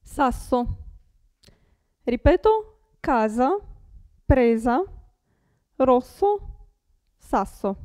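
A young woman with an Italian accent teaching Italian pronunciation, saying each word slowly and carefully and repeating it. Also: high-pitched, sing-song, darkish tone, no echo, studio quality. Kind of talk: pronunciation lesson.

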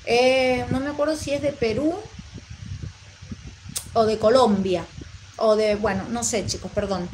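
A woman's voice: a little high, fairly even intonation, a little slow, pauses often, darkish tone, slight background noise, low-quality recording. A woman from Mendoza with a Mendoza Argentine accent, reading and answering her live chat in an affectionate, rambling way. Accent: Mendoza Argentine Spanish. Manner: chatty, affectionate, rambling with fillers.

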